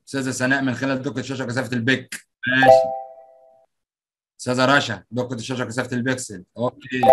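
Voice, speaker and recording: Speaking in a mid-range voice, this Egyptian Arabic–accented man acts as trainer for a live online workshop. He reads out what participants answer and welcomes each response in a playful way.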